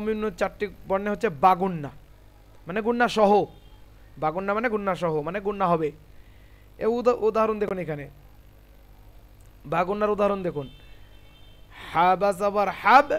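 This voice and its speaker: A man with a high, clear, ringing voice gives a Quran reading lesson in a Bengali accent. He spells out letters and vowel marks one by one at a patient pace, then pulls them together into the full word. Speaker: Quran recitation teacher. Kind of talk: tajweed lesson.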